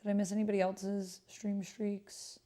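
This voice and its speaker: With a mellow, mid-range voice and a level tone, a woman hosts a relaxed livestream at a moderate pace while she plays a text roleplay game. Gushing and informal, she often half talks to herself, typing and reading messages aloud as the keyboard clacks.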